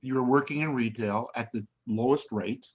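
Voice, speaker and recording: A man's voice: mid-range voice, normal speed, husky. An older man hosting an interview, who often stumbles and repeats words while starting his questions. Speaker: interview host. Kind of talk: casual interview. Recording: slightly dull lo-fi sound.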